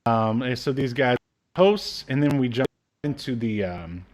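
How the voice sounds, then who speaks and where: Co-hosting a casual media review podcast over a video call from a small home room, this man in his thirties speaks in an expressive, unhurried, mid-range voice. His talk is hesitant and rambling, punctuated by dry asides.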